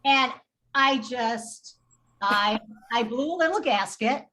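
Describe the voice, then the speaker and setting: A woman speaking as a podcast guest, recounting events slowly in a bright, slightly high voice. She talks with indignation and often slips into quoted back-and-forth dialogue. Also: lively intonation, a little hiss or hum, rough recording. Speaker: patient advocate guest. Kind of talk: podcast storytelling.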